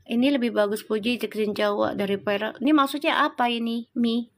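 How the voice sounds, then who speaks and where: A woman's voice: on the high side, steady tone, fairly quick. Chatty woman scolding her live chat. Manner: chatty, scolding viewers, rhetorical questions. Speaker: tarot live streamer. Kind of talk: casual live-stream chat reading comments.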